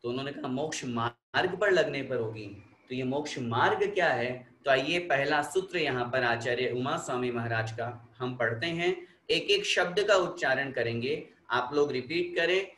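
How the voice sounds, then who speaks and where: A man teaching a scripture lesson, explaining slowly and leading recitation of verses. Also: medium pitch, bright, forceful tone, reverberant. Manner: slow, explanatory, leads chanting of verses. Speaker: religious teacher.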